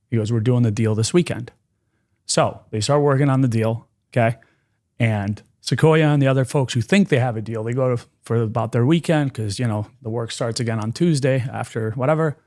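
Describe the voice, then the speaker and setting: Man, podcast co-host, animated storyteller, casual chat, quick restarts. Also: medium pitch.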